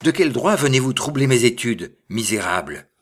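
A man reading aloud and voicing a tiny ragged man with a shrill, brittle, piercing voice and indignant outbursts. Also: fairly even intonation, moderate pace, fairly bright tone, natural voice. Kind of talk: audiobook reading.

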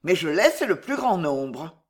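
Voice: mid-range voice, big pitch swings. A reader voicing a cunning male fox from an old fable who mocks the fishmongers he has robbed and gives orders at home. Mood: mocking. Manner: taunting, brisk and triumphant. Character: cunning mocking male fox, boastful and unafraid.

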